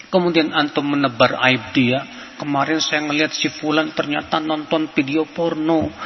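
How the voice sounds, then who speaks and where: A man preaching a sermon in an animated way, often asking the listeners rhetorical questions. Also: a little high. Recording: muffled hall recording with long reverb.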